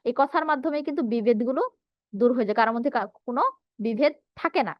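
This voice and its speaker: A woman's voice: on the high side, quick pace, dry recording, lo-fi sound. A woman teacher giving an online class, reading out her students' answers and asking rhetorical questions, speaking with a Bangladeshi Bengali accent.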